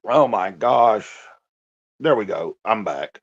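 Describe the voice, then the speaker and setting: A man's voice: expressive, slow. A man chatting casually on a livestream from his bed at home, rambling loosely. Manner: rambling, talks to his dog in a high coaxing voice. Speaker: livestream host. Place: indoors, lying in bed at home. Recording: dull lo-fi livestream audio.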